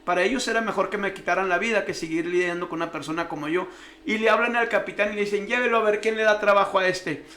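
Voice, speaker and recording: Guy on a radio show telling his testimony, high voice, does the other people's voices. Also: quick pace, sharp tone, slight background noise. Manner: storytelling, acting out voices of others in his story. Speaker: guest sharing testimony. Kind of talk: emotional personal testimony.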